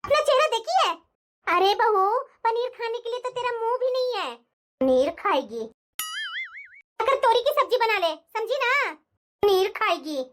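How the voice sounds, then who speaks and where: Woman voicing a bragging cartoon mother-in-law. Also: very high voice. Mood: taunting. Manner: bragging, taunting, sweetly fake on the phone. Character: boastful scheming middle-aged mother-in-law, show-off. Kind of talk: cartoon voice acting.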